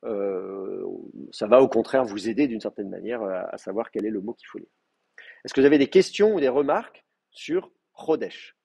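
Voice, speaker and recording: Husky man teaching a class. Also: on the low side, expressive, normal speed, darkish tone, dull audio. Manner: explains patiently, many fillers, checks with students. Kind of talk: live class lecture.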